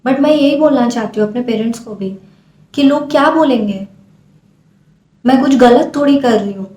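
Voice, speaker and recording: A woman's voice: sits high, moderate pace, warm tone, roomy sound. A young woman from India speaking earnestly and emotionally to camera, pleading at times as she vlogs. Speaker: vlogger. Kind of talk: impassioned talk to camera.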